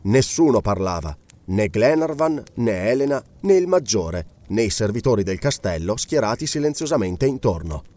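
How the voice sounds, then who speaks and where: A man narrating a classic novel as an audiobook, with expressive storytelling. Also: on the low side, normal speed, hardly any pauses.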